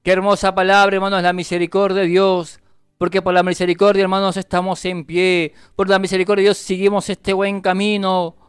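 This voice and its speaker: A deacon from Argentina preaches a fervent sermon over the radio, his man's voice very high yet held to a narrow, steady contour. His tone is smooth and clear, and he keeps calling his listeners brothers and repeating his own phrases. The sound is dry and close, with soft music underneath. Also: a little fast, no echo. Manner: repetitive, restates phrases.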